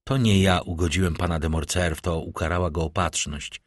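A man voicing a middle-aged, vengeful nobleman who speaks with icy calm and bitter irony. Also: low voice, normal speed, dry recording, clean studio sound, pitched below the performer's own voice.

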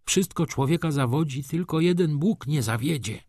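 A man's voice: on the high side, animated, moderate pace, darkish tone, slightly rough, no echo, studio quality, pitched above the performer's own voice. A man voicing a pleading humble lineman. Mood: consoling. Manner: pleading, raised, reverent. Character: humble pious male railway lineman, earnest.

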